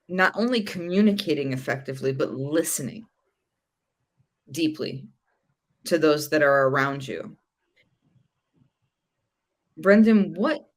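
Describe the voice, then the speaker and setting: A woman hosting a podcast, asking curious questions and reflecting frankly in casual chat. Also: low-pitched. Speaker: podcast host.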